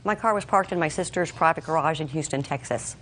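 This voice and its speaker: An American woman with a low voice explains her case politely and in order as a plaintiff. The room carries a faint noise. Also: fast talker, a bit bright.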